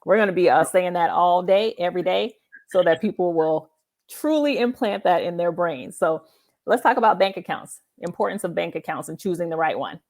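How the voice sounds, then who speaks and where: Her voice is fairly low and a little mellow, moving at a normal speed. Hosting a live show with authors, she keeps the interview casual while speaking emphatically and affirmingly, repeating points for the audience.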